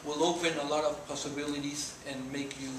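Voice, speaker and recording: This guest speaker, a man in his forties from Mexico who grew up speaking Spanish, talks earnestly to students with a Mexican accent, gesturing all the while. His pitch is on the high side with little movement, and he speaks briskly. The recording is from a far camera in an echoey room, distant and noisy.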